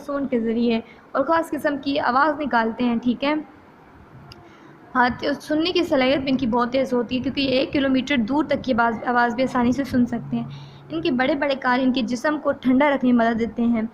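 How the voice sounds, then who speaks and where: A woman teacher from Pakistan reading a textbook lesson slowly, then re-explaining each point and checking in with her students. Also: high-pitched, fairly even intonation, highs cut off, slight background noise.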